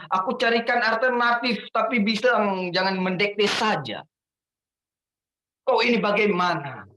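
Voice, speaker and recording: A man reciting a protest poem dramatically, rising to shouts on the refrains. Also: high-pitched. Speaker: guest poetry reader. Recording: echoey room with faint noise.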